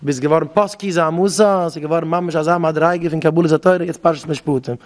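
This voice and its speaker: A fairly high-voiced man gives an informal lecture as a rabbi teaching young married men. He keeps pressing his listeners with rhetorical questions and hammers his points home by saying phrases again and again. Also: fairly even intonation, quick pace. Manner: fires repeated rhetorical questions; repeats phrases for emphasis.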